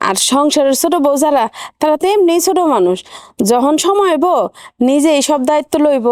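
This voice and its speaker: A high female voice plays an anxious elder daughter-in-law in a TV family drama. She speaks hesitantly and pleads. The recording is close and dry. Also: expressive, a little fast, darkish tone, no echo. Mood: worried. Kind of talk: TV drama acting.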